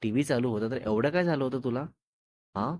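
A man's voice: mid-range voice, fairly quick, darkish tone, dry recording, studio quality, lightly acted. A man reading the part of a playful, apologetic young man in a spoken love story, in a coaxing tone. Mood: coaxing teasing.

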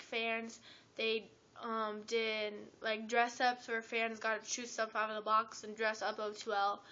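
A teenage girl vlogging, rambling and breathless with lots of restarts, her voice hoarse and cutting in and out. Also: a little high, sharp tone. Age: teens. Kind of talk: excited storytelling vlog. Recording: dull lo-fi camera audio.

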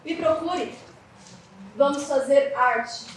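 A poised, persuasive young artist played by a woman speaks theatrical lines in a high voice with a Brazilian accent. The stage is roomy and echoing, with faint noise. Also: slow pace, far from the mic. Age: young adult.

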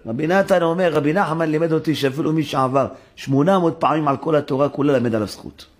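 In a synagogue, a rabbi delivers an animated sermon, acting out dialogue with sudden high-pitched exclamations.

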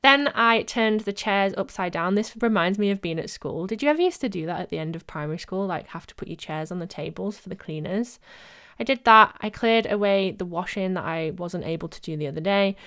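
A woman's voice: fairly low pitch, normal speed, fairly bright tone, clear, resonant tone. A young woman narrating her home cleaning vlog in a casual, chatty voice-over, self-mocking and laughing often. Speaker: vlogger. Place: home studio, voice-over recorded separately.

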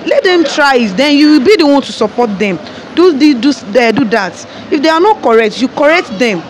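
A woman's voice: sits high, big pitch swings, brisk, poor audio. A young woman with a Nigerian accent answering a street interview, hesitant and searching for words with many fillers. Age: young adult. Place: outdoors by a painted wall. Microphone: phone held close by interviewer. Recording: street noise behind.

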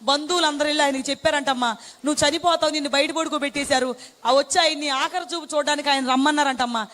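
Brief: very high-pitched, fast-talking woman, tearful dramatic testimony. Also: fairly even intonation, fairly bright tone, long reverb tail. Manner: tearful, dramatic retelling with quoted dialogue. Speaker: testimony speaker. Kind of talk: emotional personal testimony.

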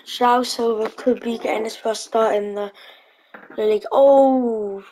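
A woman's voice: on the high side, level tone, moderate pace, darkish tone, slight background noise, poor audio. Chatty woman thinking aloud over a game. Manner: chatty, hesitant, thinking aloud with frequent ums. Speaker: gaming channel host. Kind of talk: casual gameplay commentary.

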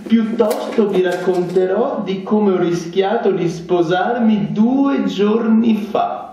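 A man's voice: high voice, slow, mellow, highs cut off, voice pushed up. A man voicing a boastful, mocking young officer in a raised tone. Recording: echoey hall, distant mic.

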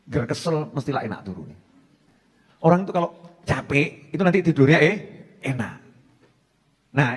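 High-voiced Javanese preacher in an echoing hall. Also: male voice, husky. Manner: humorous, mixing in Javanese phrases. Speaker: Islamic preacher. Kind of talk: religious advice talk.

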